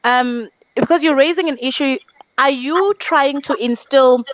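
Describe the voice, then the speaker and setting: Host, woman from southern Africa, encouraging, stammers when excited, dry lo-fi sound. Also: high-pitched, measured pace, dry recording. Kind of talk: casual conversation.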